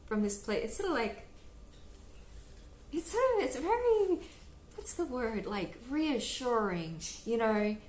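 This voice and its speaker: A woman's voice: on the high side, a little hiss or hum. A woman giving a casual tarot reading to camera, chatty and giggly, with many "like" fillers. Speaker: tarot reader. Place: home room with birds nearby. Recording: roomy echo with faint background ambience.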